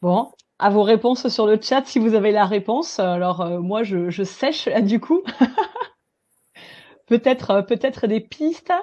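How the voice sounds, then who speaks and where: A woman's voice: medium pitch, animated, takes it slowly, dark tone, muffled recording. A woman hosting an online webinar, upbeat and a little hesitant, with many fillers. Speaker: webinar host.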